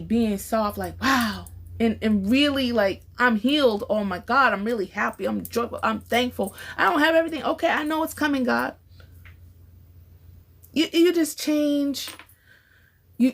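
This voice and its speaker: A woman in her forties talking casually and warmly encouraging others on a faith-based podcast, often laughing between thoughts. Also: medium pitch, gravelly. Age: 40s. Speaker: podcast speaker.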